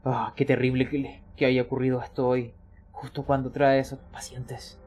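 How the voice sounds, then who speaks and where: A man's voice: mid-range voice, flat delivery, moderate pace, darkish tone, muffled recording, soft background music, natural voice. A man voicing a worried male museum director who calls out urgently for help.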